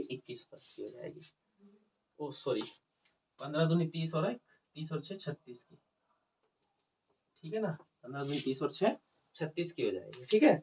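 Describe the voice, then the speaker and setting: A man's voice: fairly high pitch, recorded from a distance. A man explaining maths problems step by step in a video lesson, conversational and often checking whether the students follow. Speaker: maths teacher.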